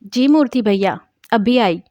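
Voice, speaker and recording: A woman voicing a gentle, devoted young woman. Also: a little high, lively intonation, measured pace, no echo, studio quality. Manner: soft and respectful, then pleading through tears.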